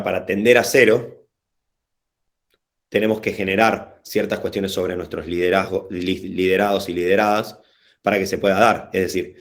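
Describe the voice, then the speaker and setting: A man with a Rioplatense Spanish accent leading an informal online workshop over a video call, talking casually and digressively with slang and hesitant restarts. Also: lowish voice. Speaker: workshop facilitator.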